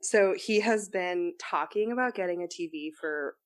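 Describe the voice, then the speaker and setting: A woman's voice: on the low side, normal speed. Giggly rambling young woman chatting. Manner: rambling, giggly, lots of fillers. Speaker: podcast co-host. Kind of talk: casual chat.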